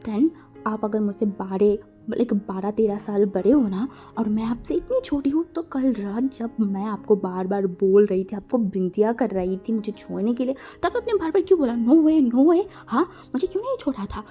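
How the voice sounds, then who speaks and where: A woman's voice: medium pitch, soft background music, lightly acted. A woman doing a furious young husband. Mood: angry. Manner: louder, rapid-fire scolding questions. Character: young, hot-tempered husband, hurt and defiant. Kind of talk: storytelling with acted dialogue.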